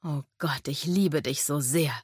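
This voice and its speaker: A woman voicing an amorous young man, the narrator's lover, in a low, velvety murmur. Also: a little fast, no echo, studio quality.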